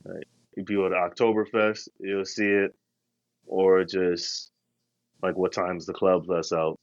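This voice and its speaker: Unhurried and level in tone, a low-voiced man rambles through travel stories as a podcast co-host, using laid-back slang. The audio sounds muffled but has no room sound.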